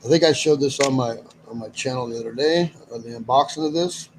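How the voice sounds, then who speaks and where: A man's voice: mid-range voice, fairly quick, a little hiss or hum, rough recording. A man hosting a live stream, talking casually and rambling as he greets viewers and goes through items. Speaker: live stream host running a silver auction.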